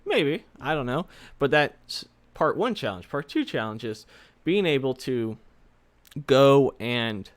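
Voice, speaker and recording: Male vlog host, medium pitch, casual rambling explainer, light slur from wearing retainers. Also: sing-song, slow. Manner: slightly slurred speech from wearing retainers. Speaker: host, software developer giving career advice.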